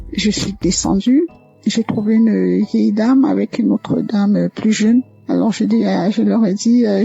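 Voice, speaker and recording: A woman telling her personal faith testimony, hesitant and halting, full of fillers and restarts. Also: mid-range voice, vocal fry, slightly rough. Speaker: testimony caller. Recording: muffled lo-fi audio with soft music.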